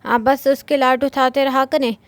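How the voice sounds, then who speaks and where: A woman narrator reading a fretful, scolding middle-aged mother. The voice is high and dry, with no room sound. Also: level tone, normal speed, no room sound, natural voice. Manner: scolding, worried.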